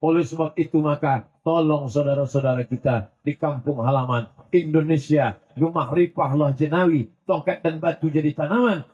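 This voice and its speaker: A man's voice: a little high, a little mellow, slightly rough, highs cut off. A man preaching a sermon to a large gathering, mixing jokey stories with recited Arabic verses and rising, emphatic appeals. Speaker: Islamic preacher.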